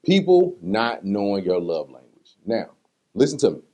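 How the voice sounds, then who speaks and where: This interview guest has a fairly low voice and a moderate pace. He fields personal questions casually and candidly, using slangy, conversational speech and acting out what people said as he animatedly retells his stories.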